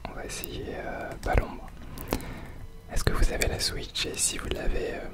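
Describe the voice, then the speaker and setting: A man whispers softly, very close to the ear, as he gives ASMR gameplay commentary. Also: measured pace. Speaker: host of an ASMR gaming video.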